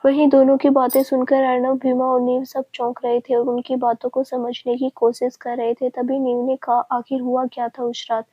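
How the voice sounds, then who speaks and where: A woman narrating a family story in a steady, even reading voice. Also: high-pitched, normal speed, hardly any pauses, breathy edge, dry recording. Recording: dry, dull lo-fi sound.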